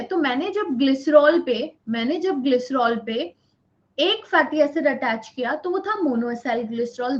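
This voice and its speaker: A woman's voice: high voice, highs cut off. A woman teacher giving a live online biology lecture, mixing Hindi with English, repeating key points and often checking whether students understand.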